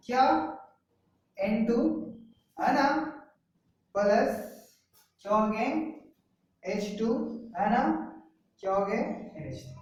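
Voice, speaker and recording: Bihari woman tutor, high voice, repetitive check-ins, booming roomy distant sound. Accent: Bihari Hindi. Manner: repetitive, checks with students often. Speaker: chemistry tutor. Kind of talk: classroom lecture. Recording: very echoey classroom, voice from far off, faint music.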